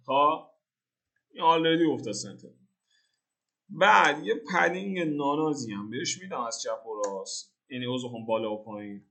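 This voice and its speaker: A man's voice: fairly high pitch, vocal fry, bright, forceful tone. A young man from Iran giving a casual, joking coding tutorial over a screen recording and thinking aloud in slang. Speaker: programming tutor.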